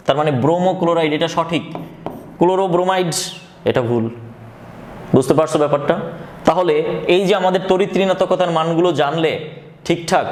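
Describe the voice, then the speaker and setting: A man teaching a chemistry lesson, asking questions and answering them himself, repeating key phrases slowly. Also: a little high, a little mellow. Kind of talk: recorded classroom lesson. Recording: echoey room with faint background noise.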